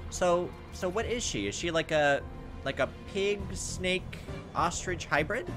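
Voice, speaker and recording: A gaming video host gives casual playthrough commentary while game music plays, thinking aloud to himself and reading on-screen text as he goes. His voice sits high and he takes his time.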